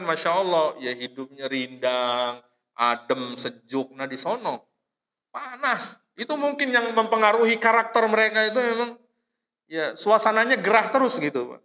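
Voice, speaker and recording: A man's voice: high-pitched, pushed and bright. A male religious teacher giving a casual, conversational mosque study sermon, speaking, addressing listeners directly and acting out quoted voices. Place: mosque hall. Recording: long hall reverb.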